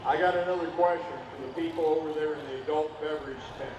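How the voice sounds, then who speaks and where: A man's voice: on the high side, fairly even intonation, fast talker. A man announcing at a tractor pull, jovial and folksy as he banters over a muffled, distant PA. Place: outdoor tractor pull event. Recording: muffled, echoing, distant PA with noise.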